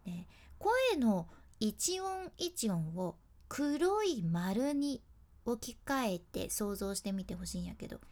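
This announcer's voice is a little high and slightly mellow, full of animation, and she speaks slowly. Her casual, talkative lesson on speaking moves step by step while she acts out sample phrases.

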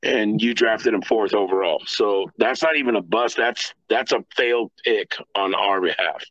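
A man's voice: on the low side, moderate pace, fairly bright tone, no room sound. Blunt rambling man on a lo-fi podcast. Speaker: podcast co-host. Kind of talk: casual sports podcast chat.

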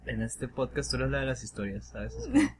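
A man's voice: mid-range voice, wildly swooping pitch, fairly quick, background noise. A Mexican man co-hosting a podcast, chatting casually with crude slang. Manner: crude, laid-back slang. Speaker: podcast co-host. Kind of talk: casual chat.

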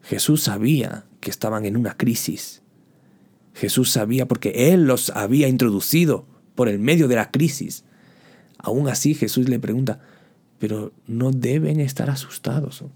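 A man's voice: medium pitch, moderate pace, darkish tone, breathy edge. A man preaching a sermon in an impassioned way, building his points through repeated rhetorical questions and direct appeals to the listener.

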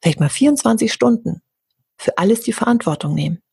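A middle-aged woman speaking as an interview guest, earnest and animated, who sometimes acts out the voices of other people. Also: a little high, quick pace, gravelly, breathy edge, no room sound, studio quality. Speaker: interview guest, hypnosis practitioner. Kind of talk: candid conversational interview.

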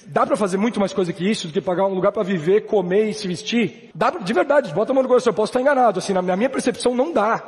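A man from Brazil delivers a motivational talk at a rapid clip, his voice sitting high for a man. He speaks emphatically and conversationally, throwing in slangy asides. The sound carries a long reverb from the large hall he speaks in. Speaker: motivational speaker at a business event. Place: large hall with a live audience.

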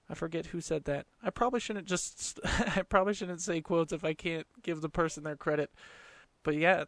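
A man's voice: a little high, fairly bright tone, clean tone, no room sound. A man in his late twenties hosting a casual solo podcast from a small closet, talking in an informal, earnest, conversational way. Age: late 20s. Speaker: podcast host.

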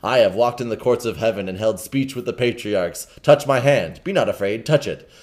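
A man's voice: mid-range voice, normal speed, lightly acted. A man voicing an unhinged old male hermit monk who preaches in solemn archaic speech and swings into bitter rage. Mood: awed.

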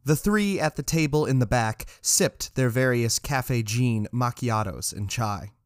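A man's voice: medium pitch, expressive, unhurried, no room sound. Man reading a story, dry close sound. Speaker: narrator. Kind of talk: audiobook narration.

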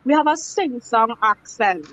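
A woman's voice: a little high, lively intonation, a little slow, fairly bright tone, highs cut off, slight background noise. A woman with a Trinidadian accent on a casual podcast, talking insistently and repeating her point.

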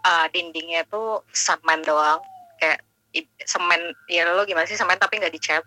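A woman calling in over the phone, telling a personal ghost story in a halting casual way. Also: on the low side, sharp tone, rough recording. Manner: halting, searching for words. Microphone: phone call.

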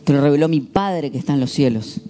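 A stern, emphatic Jesus, as a preacher acts him out, shutting a conversation down for good. Soft music lingers behind. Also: male voice, on the high side, fast talker, voice pushed down, natural voice. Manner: firm, emphatic. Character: stern adult male Jesus, firm and final.

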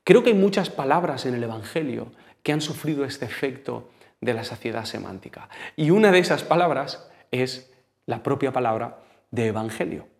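A man's voice: mid-range voice, expressive, moderate pace, creaky. A man with a Spain Spanish accent preaching a sermon in a conversational, storytelling way, speaking directly to the congregation.

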